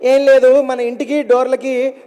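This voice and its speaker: A man voicing a nagging, sulky young wife, in a shrill, complaining, wheedling voice. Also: little pitch movement, measured pace, mellow, clear, resonant tone. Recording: reverberant stage PA sound.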